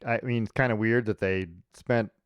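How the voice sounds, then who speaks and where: A man's voice: lowish voice, fairly even intonation, moderate pace, clean tone, no echo, clean studio sound. A man co-hosting a casual sports talk show, blunt and opinionated. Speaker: co-host.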